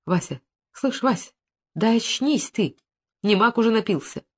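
Brief: narrator plays a worried village wife, soft muffled coaxing tone, lilting voice, audiobook. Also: medium pitch, lively intonation, a little slow. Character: anxious village wife, thin and pleading. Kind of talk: audiobook reading.

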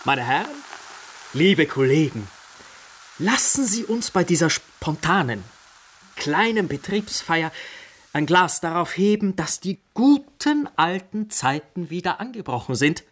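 An actor playing a smooth, self-satisfied bank director in a radio play, formal and unctuous. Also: male voice, a little high, big pitch swings, a little slow, fairly bright tone, heavily acted. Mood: festive, formal.

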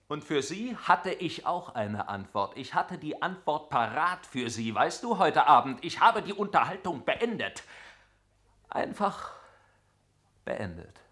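A man's voice: sits high, bright, forceful tone, full character voice. An actor playing a sullen, resentful young man who threatens in a brooding, repetitive way, in 1960s German radio drama acting. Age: young adult.

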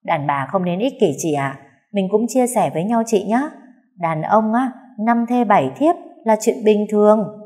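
A woman voicing a brazen young housemaid who answers back in a cocky, quick, raised voice. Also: medium pitch, animated, mellow, pitched above the performer's own voice, lightly acted. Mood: wheedling. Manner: cocky, sassy, quick retorts.

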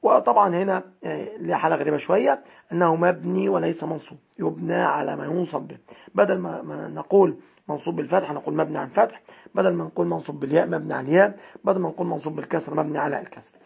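A man's voice: a little high, very fast, vocal fry, husky. A man with an Egyptian accent teaching an Arabic grammar lesson, methodically parsing example sentences one word at a time. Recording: dull lo-fi recording.

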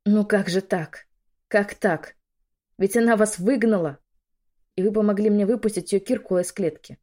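A woman's voice: on the low side, fairly quick, warm tone, close to an everyday voice. A woman doing a frightened, guilty young maid. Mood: guilty, pleading. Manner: apologetic, pleading.

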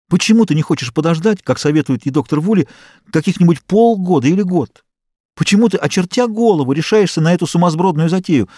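A man reads a worn-out, desperate mother who begs and frets in a voice pitched well above his own. The tone stays dark and dry, without any room echo. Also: natural voice. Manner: pleading, distraught, raised voice. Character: anxious pleading middle-aged mother. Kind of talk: audiobook character reading.

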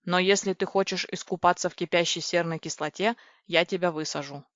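A woman's voice: lowish voice, steady tone, brisk, a bit bright, dry recording, lightly acted. A woman reading a storybook voices a male ship computer that is curt, dry and grumbling. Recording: dry, dull lo-fi recording.

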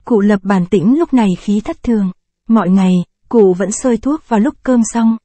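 A woman narrating a short story in a measured, expressive way. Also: medium pitch, no echo.

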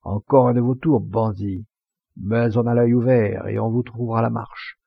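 A man's voice: mid-range voice, fairly even intonation, normal speed, creaky, husky, no room sound, dull audio. A man voicing a proud, hot-tempered Provençal poacher in a storybook reading, with scornful, fiery retorts. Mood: furious.

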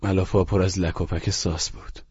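A man voicing an agitated middle-aged man who rants bitterly and exasperatedly about his wife, pitched well above his own voice. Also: flat delivery, a little mellow, breathy edge, highs cut off. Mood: bitter ranting. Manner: bitter, exasperated, rising outbursts.

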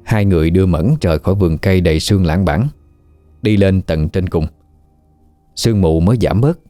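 Deep-voiced man narrating a ghost story. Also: a little fast, dark tone, no room sound, faint music behind. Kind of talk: scripted horror story narration.

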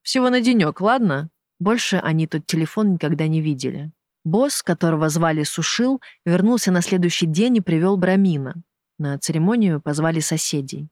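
Brief: steady audiobook narrator, mid pitch, dry close mic. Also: fairly quick, no room sound. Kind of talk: scripted narration.

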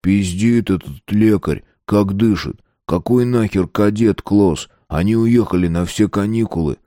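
A man's voice: on the low side, measured pace, mellow, no room sound, studio quality, natural voice. A man voicing an angry, foul-mouthed teenage gang member. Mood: snarling. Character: angry stocky teen street thug.

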